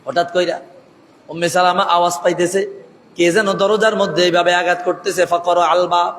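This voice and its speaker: A man's voice: high voice, little pitch movement, moderate pace, a bit bright, a little hiss or hum. A man preaching a fervent sermon, chanting and sing-song, calling out to the crowd over a PA system. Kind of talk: Bengali waz sermon. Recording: echoey PA sound with long reverb.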